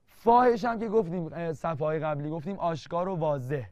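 Playful high-voiced literature teacher. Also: male voice, a little mellow, dry recording. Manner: playful, teasing, repeats key terms to drill them. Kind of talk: exam-prep literature lesson. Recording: dull lo-fi dry sound.

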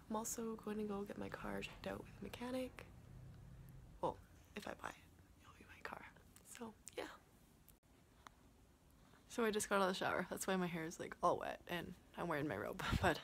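A woman's voice: medium pitch, expressive, normal speed, creaky, pauses often, noisy background. Chatty young woman vlogging from her bedroom. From Canada. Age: young adult. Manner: chatty, lots of "like" and "yeah". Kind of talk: casual vlog chat. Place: small bedroom indoors. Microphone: phone camera at arm's length.

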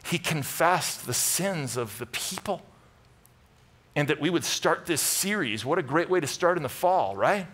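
A middle-aged American pastor preaches from the stage of a large church auditorium, speaking to the congregation in an earnest, informal, conversational way. His voice is on the high side and fairly bright, animated yet unhurried.

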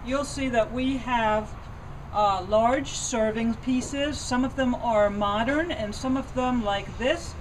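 A woman's voice: on the high side, takes it slowly, a little hiss or hum, rough recording. A middle-aged woman giving an enthusiastic, conversational tour of silver pieces in an antiques shop, with fillers and restarts, recorded on a nearby camera. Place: indoor antiques shop among display cases.

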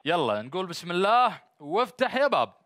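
A man's voice: high-pitched, sing-song, fairly quick, fairly bright tone, no echo. A man with a Gulf Arabic accent hosting a TV phone-in quiz, bantering with callers and encouraging them with blessings. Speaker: game show host. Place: small studio set dressed as instrument shop. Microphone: headset microphone.

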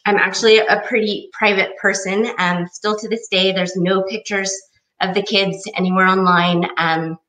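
A woman in her forties tells her own story in a lively, chatty way. Her voice is bright and forceful, and she sits some way from the mic. The room around her is echoey. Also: mid-range voice, moderate pace, far from the mic. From United States. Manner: chatty and enthusiastic, acts out quoted voices. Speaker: cookbook author. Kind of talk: personal storytelling talk.

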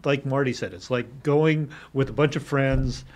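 A man's voice: mid-range voice, normal speed. An older man hosting a casual interview in a TV studio, agreeable and chatty at a desk mic. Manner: chatty, agreeable, frequent yeahs. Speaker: host. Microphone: desk microphone on stand.

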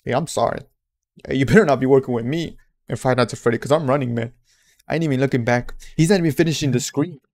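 Slangy, animated man reacting. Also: mid-range voice, fast talker. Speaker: reaction video host. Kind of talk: casual reaction commentary.

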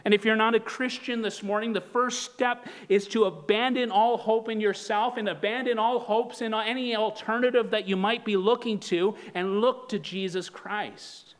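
A man in his thirties preaching a sermon from a church pulpit, earnest and measured, asking the congregation rhetorical questions. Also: high-pitched, fairly even intonation, fairly bright tone. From Canada. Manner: gestures broadly while leaning on the pulpit. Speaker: pastor. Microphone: pulpit microphone.

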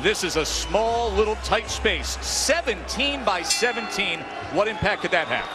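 A man's voice: high-pitched, big pitch swings, measured pace. A man giving live TV boxing commentary in short, dramatic, punchy phrases. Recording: crowd and music behind. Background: arena crowd and music.

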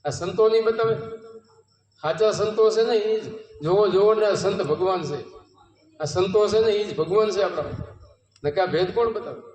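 A man's voice: high-pitched, moderate pace, a little mellow. A man with a Gujarati accent giving a devotional satsang sermon, telling parables and asking rhetorical questions. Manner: storytelling, rhetorical questions, quoting devotional verses. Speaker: satsang preacher. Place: home courtyard gathering. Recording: roomy, distant mic with long reverb.

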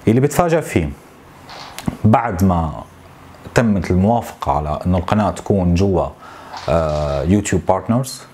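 A man in his thirties with a Syrian Arabic accent, venting to camera in a frustrated, complaining way, with halting repetitions. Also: low voice, background noise. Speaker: tech YouTuber. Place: small home office, indoors.

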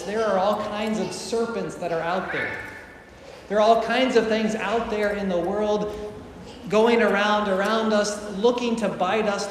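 Earnest priest preaching in a booming church. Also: male voice, a little hiss or hum. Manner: earnest, emphatic preaching with slow stressed phrases. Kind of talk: sermon. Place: large church with painted walls, congregation present. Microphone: far camera at the back of the church. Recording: very echoey church hall with faint ambience.

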